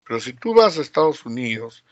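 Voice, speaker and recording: A middle-aged Peruvian man teaching a geography class in Peruvian Spanish, drawing words out and filling pauses with hesitations and rhetorical questions. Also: medium pitch, big pitch swings, no echo, muffled recording. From Peru. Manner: slow, drawn-out delivery with many fillers and rhetorical questions. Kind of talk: recorded classroom lecture.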